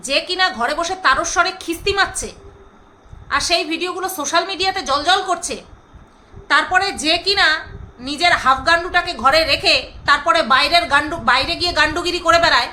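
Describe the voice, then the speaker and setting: High, bright-voiced woman ranting sarcastically. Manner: scolding, sarcastic, repeats phrases for emphasis. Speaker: vlogger. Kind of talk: angry ranting monologue to camera.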